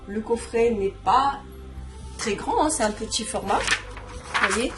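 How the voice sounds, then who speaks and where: A woman's voice: fairly high pitch, animated, slow pace. Chatty woman reviewing cards over music. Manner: chatty, explanatory, showing items to camera. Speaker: oracle card reviewer. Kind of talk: casual product review vlog.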